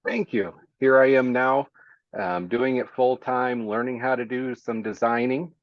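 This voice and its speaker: A man being interviewed as a guest, talking in an easygoing, plain-spoken way with many pauses. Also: mid-range voice, fairly even intonation, no room sound, lo-fi sound. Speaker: guest, small business owner. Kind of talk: casual interview chat.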